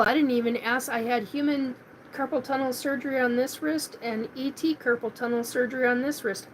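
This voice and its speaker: Slow-talking woman on a live chat. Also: on the high side, slight background noise, rough recording. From Washington State, US. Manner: rambling, many fillers and restarts. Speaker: host of a live paranormal chat show. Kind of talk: casual live-stream monologue.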